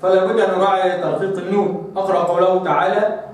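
A man teaching Quran recitation rules, explaining each point and then slowly demonstrating the sounds. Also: sits high, little pitch movement, a little mellow. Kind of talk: tajweed lesson with recited examples. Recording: very echoey room, distant from mic.

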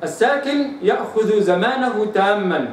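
High-voiced Egyptian man teaching recitation, echoey. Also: expressive, far from the mic, a little hiss or hum. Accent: Egyptian Arabic. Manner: demonstrates letter sounds slowly and repeatedly. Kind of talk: tajweed lesson with drills.

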